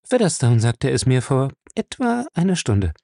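A man reading a novel aloud, voicing a firm, quick-witted young woman in a raised voice. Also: a bass voice, big pitch swings, creaky, dark tone, no room sound, clean studio sound, voice pushed up, full character voice. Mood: sharp, firm.

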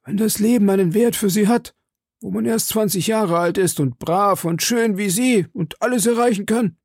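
A frightened, wounded soldier who pleads and stammers as his strength drains away, as a male audiobook reader puts him on. The voice is gravelly and husky and sits higher than the reader's own. It is recorded close and dry. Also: normal speed, a little mellow, dry recording. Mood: fearful. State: weak from blood loss. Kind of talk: audiobook character reading.

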